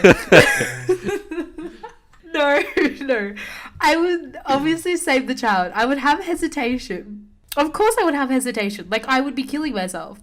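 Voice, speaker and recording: A woman's voice: fairly high pitch, fairly bright tone. A woman in her early twenties co-hosting a podcast, chatting casually, laughing often and speaking with emphasis. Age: early 20s. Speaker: podcast co-host. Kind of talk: casual chat.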